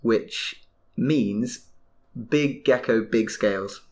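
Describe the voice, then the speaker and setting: A man's voice: mid-range voice, very slow, a little mellow. Man explaining things on a podcast. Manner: explanatory, reads out paper details. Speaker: podcast co-host. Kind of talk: casual podcast chat.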